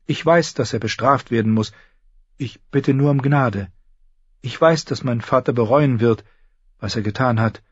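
A man voicing a nervous, earnest young noble girl who speaks softly and pleadingly, in a slightly muffled audiobook recording. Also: medium pitch, unhurried, slightly rough, dry recording, pitched above the performer's own voice. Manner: soft, pleading.

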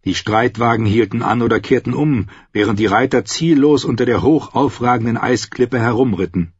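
A man reading a fantasy audiobook aloud, steady storytelling that bursts into loudly shouted battle commands. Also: medium pitch, normal speed, breathy edge, no room sound, dull audio. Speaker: audiobook narrator.

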